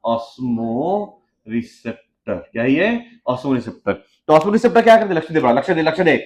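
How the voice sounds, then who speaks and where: A man teaching biology in a classroom, firing questions at students and teasing them, with quick low asides. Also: very animated, darkish tone. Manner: quizzes students with repeated questions, teasing and joking. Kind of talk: lively classroom lecture.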